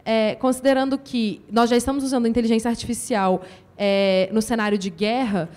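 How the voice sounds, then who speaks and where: A woman's voice: on the high side, fairly even intonation, a little mellow. A young woman in her twenties, a student, politely asking a question at a forum. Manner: polite, slightly halting.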